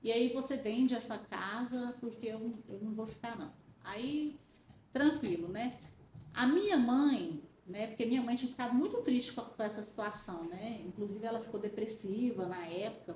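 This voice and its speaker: A woman from central Brazil telling a personal faith story in a casual chat, lively and acting out the voices of the people in it. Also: a little high, moderate pace. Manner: animated storyteller, acts out quoted voices. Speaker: guest. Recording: roomy sound, faint background hiss.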